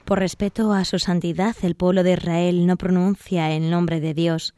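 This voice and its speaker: A woman reads a passage aloud in a measured, formal way. Her voice is low and mellow, and the sound is dry and close. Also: level tone, dry recording. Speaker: reader of the catechism text. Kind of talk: reading aloud.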